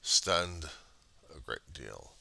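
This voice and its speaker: A man giving a casual, profane confessional monologue in a halting, raw and emotionally weary way. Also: rumbling low, animated, gravelly, sharp tone. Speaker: personal video diarist.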